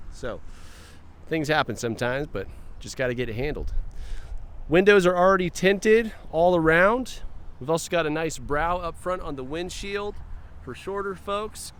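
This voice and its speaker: A friendly, chatty car dealership presenter walks around a vehicle outdoors, then moves inside it, remarking to himself along the way. His voice is on the high side with a fairly bright tone, and the narration is casual.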